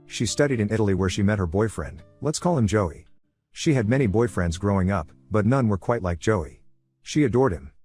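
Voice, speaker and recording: Fast-talking man narrating a story. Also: on the low side, darkish tone. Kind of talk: scripted first-person story narration.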